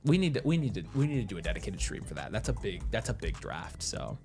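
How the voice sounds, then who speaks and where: A man co-hosting a casual livestream, chatting excitably with quick asides and frequent restarts. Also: on the low side, vocal fry, soft background music. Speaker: livestream co-host.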